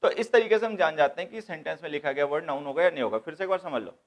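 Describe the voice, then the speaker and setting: A man teaching grammar in a slightly high voice. He breaks each rule down patiently and circles back to the main points. He lectures in the tone of a classroom. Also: lively intonation, racing. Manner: explains step by step, repeats key points, mixes English terms into Hindi.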